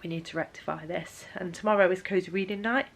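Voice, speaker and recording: A young woman chats in a casual vlog update, tired and hesitant, with many ums. Her voice sits a little low, and she talks close to the camera. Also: steady tone, fast, vocal fry. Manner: hesitant, lots of ums, soft and weary. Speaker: book vlogger.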